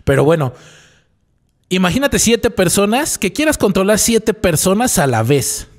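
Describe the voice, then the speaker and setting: A man's voice: sits high, very animated, unhurried. A male psychologist giving a reflective radio talk, asking the listener rhetorical questions and repeating key phrases. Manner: asks the listener rhetorical questions, tags lines with "¿no?".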